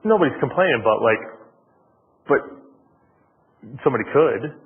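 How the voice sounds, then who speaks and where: A man's voice: mid-range voice, animated. A man on a township board, speaking hesitantly with many restarts at a public meeting. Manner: hesitant, halting with repeated restarts. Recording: tinny lo-fi audio in a reverberant hall.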